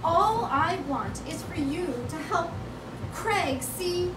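A woman's voice: extremely high pitch, lively intonation, slow pace, exaggerated voice. A woman acting an imperious, demanding and flirtatious wealthy art patron in a staged play reading, heard in a theatre. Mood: teasing, flirtatious. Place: small stage in a club theatre before an audience. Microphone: distant audience camera. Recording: noisy, echoey theatre recording from far off.

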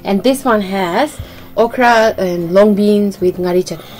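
Chatty woman in her thirties hosting a food video, music playing clearly behind. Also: medium pitch, measured pace, a little mellow. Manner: chatty, presents each dish. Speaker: host of a food channel. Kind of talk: casual mukbang chat. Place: sunny room with large windows, indoors. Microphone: table mic in front of the couple. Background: music in the background.

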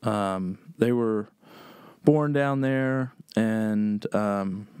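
A Pennsylvania man, a chef appearing as a podcast guest, tells family stories in a loose, rambling, laid-back way, packed with "um"s and other fillers. His voice is fairly low, dark-ish and smooth, and he speaks extremely slowly. The studio-quality recording has no room sound.

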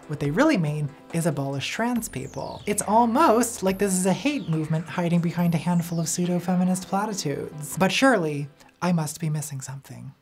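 Woman host, scripted commentary read, sardonic and theatrical, lower register, light music bed. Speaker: video essayist host.

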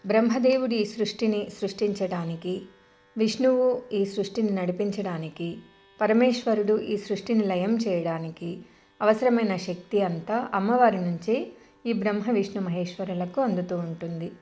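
A woman teaching devotional hymn recitation, singing each verse slowly and then explaining the pronunciation in quick spoken remarks. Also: medium pitch, mellow.

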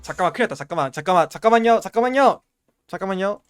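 A man's voice: high voice, animated, racing, smooth, soft background music. A man streaming a game, giving casual running commentary and playfully scolding his in-game item like a parent.

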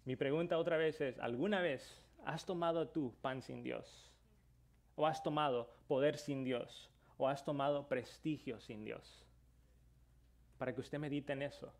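A man's voice: medium pitch, a little slow. A man preaching a sermon in Spanish, moving between earnest exhortation and a personal story. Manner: earnest preaching, rising to emphatic questions, then storytelling. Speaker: pastor.

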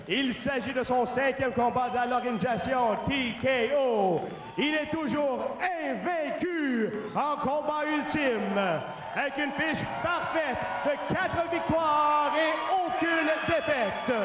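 A man working as a ring announcer, giving formal fight introductions in a drawn-out, theatrical delivery. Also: very high-pitched. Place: large indoor arena. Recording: echoey arena PA, distant, faint noise.

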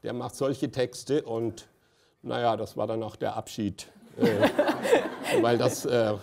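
A man's voice: medium pitch, slow, creaky, noisy background. Older man telling rambling anecdotes. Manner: rambling storyteller, many hesitation fillers. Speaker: interview guest, festival director. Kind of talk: anecdotal conversation on stage.

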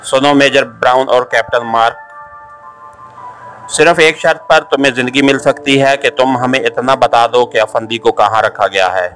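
A man's voice: mid-range voice, moderate pace, fairly bright tone, soft background music, lightly acted. A man voicing a ruthless secret agent interrogating prisoners, harsh and growling. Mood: menacing. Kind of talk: audiobook character reading.

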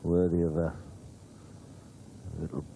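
A man's voice: sits low, little pitch movement, takes it slowly, vocal fry, dark tone. A male golf commentator giving conversational live commentary, rambling along with humorous asides. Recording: noisy old TV broadcast audio.

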